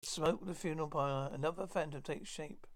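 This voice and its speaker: A man giving a dramatic, halting reading of a horror story as storyteller, often stumbling and repeating words. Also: a little high.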